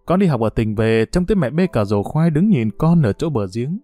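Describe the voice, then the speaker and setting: A calm young village cadre speaks low and controlled, with a chill under his softness, as a male narrator reads his part. The sound is warm and dry. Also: normal speed, no echo, faint music behind, close to an everyday voice. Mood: quiet, controlled. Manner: soft-spoken, controlled.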